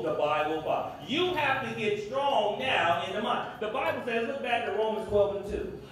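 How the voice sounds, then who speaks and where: A man's voice: high voice, a bit bright, slight background noise. Echoey preaching man in his fifties. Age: 50s. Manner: emphatic, repetitive preaching. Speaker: pastor. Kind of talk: sermon. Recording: echoey room from a distance.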